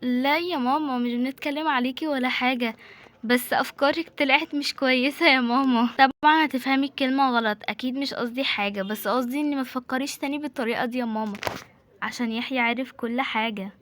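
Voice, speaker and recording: A woman's voice: a little high, steady tone, fast talker, fairly bright tone, close to an everyday voice. A woman doing a sassy Egyptian teen daughter. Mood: exasperated. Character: teenage daughter, sassy and exasperated. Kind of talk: amateur voiced home drama.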